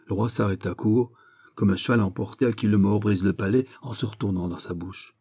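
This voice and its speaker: Man reading a classic novel aloud, steady pace, deep-ish mellow voice. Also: brisk, husky, no echo, studio quality. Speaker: audiobook narrator. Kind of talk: novel narration.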